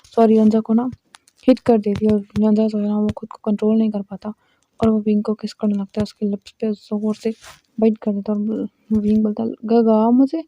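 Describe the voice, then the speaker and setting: A woman's voice: medium pitch, completely flat delivery, a little fast, mellow, muffled recording. A woman casually retelling a drama's plot in a plain, repetitive storytelling way. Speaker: story narrator.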